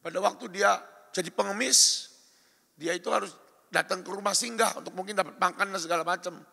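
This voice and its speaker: A male pastor preaches with a high, gravelly, husky voice. He exhorts emphatically, his bright, forceful tone rising to loud calls and dropping to soft asides. The long reverb of a large hall trails every phrase. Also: brisk. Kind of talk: sermon. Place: church or retreat hall.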